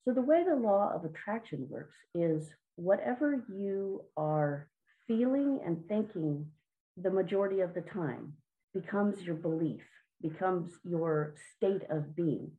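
A woman's voice: lowish voice, animated, measured pace, phone-quality sound. A woman answering interview questions as a children's mindset coach, earnest and encouraging, sometimes repeating words.

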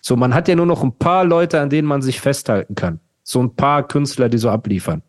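A man co-hosting a podcast in casual chat, talking in an animated, slangy way and often calling his co-host "Bruder". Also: mid-range voice, a little fast.

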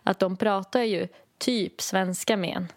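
Young female co-host, relaxed and amused, dry close sound. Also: medium pitch, no room sound. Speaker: podcast co-host. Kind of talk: casual chat.

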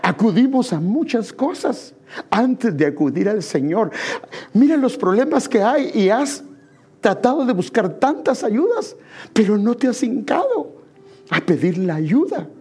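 Husky high-voiced male preacher. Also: big pitch swings, measured pace, mellow. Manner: calls listeners brother, repeated rhetorical questions. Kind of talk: sermon.

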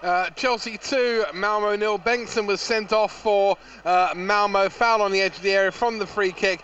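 A dull outside-broadcast line with faint noise carries a high-pitched man. He delivers a live football update as a reporter at the ground. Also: fairly even intonation, moderate pace, a bit bright. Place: football stadium.

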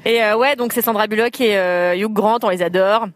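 A woman's voice: medium pitch, moderate pace, noisy background. A woman co-hosting a podcast, self-mocking and hesitant, full of fillers. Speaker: podcast co-host. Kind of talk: casual chat.

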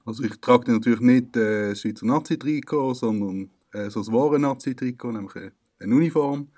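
Young Swiss German guy, relaxed dark tone, animated slangy banter. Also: medium pitch, fairly quick. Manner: animated, slangy storytelling with laughs. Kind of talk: casual chat.

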